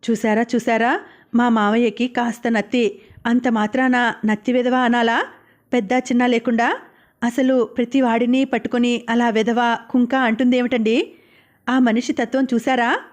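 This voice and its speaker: A woman's voice: a little high, little pitch movement, moderate pace, close to an everyday voice. A woman voicing an aggrieved, stubborn husband who complains indignantly.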